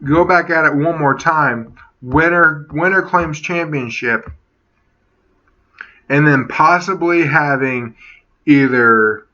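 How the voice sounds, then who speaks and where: Bright-voiced man rambling through a lo-fi vlog. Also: fairly high pitch, slow, pauses often. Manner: rambling, profane, self-correcting. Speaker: wrestling and gaming vlogger. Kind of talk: casual opinion vlog.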